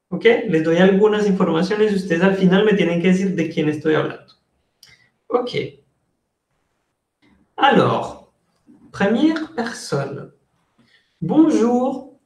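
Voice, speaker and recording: A young Spanish-speaking man with a high voice teaches French in a live online class from an indoor room, switching between French and Spanish. He enunciates carefully and repeats things for his learners, and the sound is roomy and echoing.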